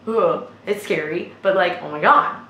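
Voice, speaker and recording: A young woman, a nursing student, telling a story casually in a chatty, animated way with lots of filler words. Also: lowish voice, measured pace. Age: young adult. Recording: echoey room with faint noise.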